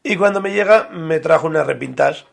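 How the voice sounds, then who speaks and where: A man's voice: fairly high pitch, a little fast, gravelly. A man co-hosting a casual podcast over beers, telling funny stories full of swearing and jokes. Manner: storytelling, swearing and joking. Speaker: podcast co-host.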